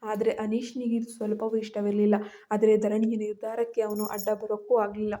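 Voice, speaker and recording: A woman narrating a scripted family drama story in a steady reading voice. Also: mid-range voice, fairly quick.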